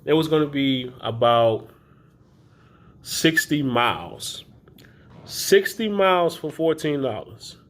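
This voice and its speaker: A man's voice: fairly high pitch, lively intonation, slow, long pauses. A man talking casually to camera in a loose, chatty, rambling way with many fillers, recorded as a phone video. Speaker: grocery delivery shopper vlogger. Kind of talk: casual vlog talk to camera.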